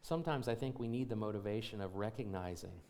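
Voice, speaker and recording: In a church sanctuary, a pastor with a fairly low voice preaches quickly, starting in quiet reflection and building to emphatic exhortation. He repeats phrases and puts rhetorical questions to his congregation.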